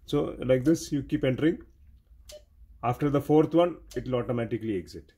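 Demonstrating equipment hands-on, a technician explains things step by step and repeats himself for clarity. He speaks a little fast in a mid-range voice that is dark with a breathy edge.

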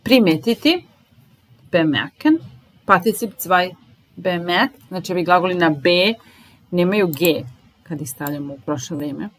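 A woman teaching a language lesson, slowly repeating each phrase and then explaining it. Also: on the low side, poor audio. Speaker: German teacher.

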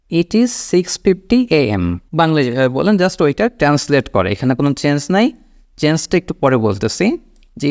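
Male English teacher, lively intonation, dry close mic. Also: fairly high pitch, no room sound. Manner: slow, drawn-out English example sentences. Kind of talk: spoken English lesson.

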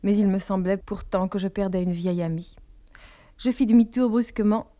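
A woman narrating a literary novel as an audiobook in a calm, measured reading. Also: medium pitch.

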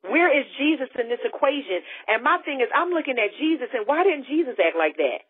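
A middle-aged woman hosting a faith talk show, speaking emphatically in an animated, testifying way and often cutting in with quick agreement. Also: high voice, slightly rough. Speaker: host. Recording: tinny phone-line sound.

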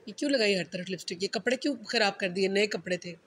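A woman's voice: medium pitch, quick pace, a bit bright, a little hiss or hum. A young mother at home scolding her small child, repeating stern questions while fighting back laughter.

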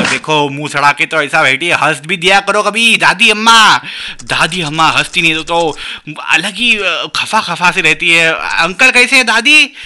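Excitable high-voiced gamer man. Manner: hurried, excitable, repeats words rapidly. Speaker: gaming channel host. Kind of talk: live gameplay commentary.

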